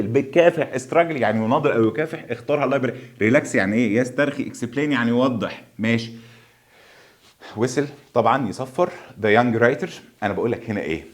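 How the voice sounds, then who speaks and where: A man teaching English in Egyptian Arabic, energetically coaxing his students to stay focused as he explains English words in Arabic. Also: medium pitch. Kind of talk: exam review lesson.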